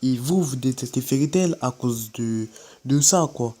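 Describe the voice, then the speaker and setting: A man's voice: mid-range voice, unhurried, mellow. A teenage boy giving a casual, slangy vlog rant, talking straight to his viewers. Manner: chatty, slangy, addresses viewers directly. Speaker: anime YouTuber.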